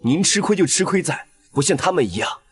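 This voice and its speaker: A man's voice: fairly high pitch, expressive, fairly quick, husky. An actor playing a chatty, loyal male steward who fusses and chides his master. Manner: fussing, chiding.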